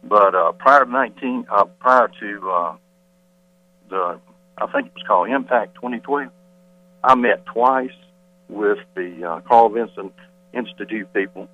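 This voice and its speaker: A man's voice: fairly low pitch, measured pace, pauses often, dry recording. A school board member calling in to a radio interview by telephone, slightly out of breath, insistent as he rebuts claims point by point. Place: quiet hallway off a meeting. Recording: tinny phone line with mains hum.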